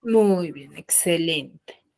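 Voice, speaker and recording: A woman's voice: fairly low pitch, lively intonation, darkish tone, dry recording. A woman teaching an online school class, patient and explanatory, constantly checking that her students follow with short questions. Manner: patient, keeps checking understanding with quick questions. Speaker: secondary school language teacher. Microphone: computer mic on a video call.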